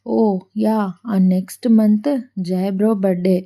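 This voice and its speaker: A woman's voice: medium pitch, fairly even intonation, a little slow, creaky, dark tone. A woman narrating a family love story, reading aloud and voicing the characters' quoted lines.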